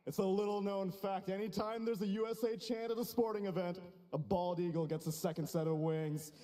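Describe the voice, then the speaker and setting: A man's voice: sits high, fairly even intonation, a little fast, dark tone, a little hiss or hum. A man hosting live esports, jokingly rousing the crowd into chants. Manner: playful, jokey crowd-rousing. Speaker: esports host working the crowd. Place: convention center stage. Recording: large hall reverb with crowd.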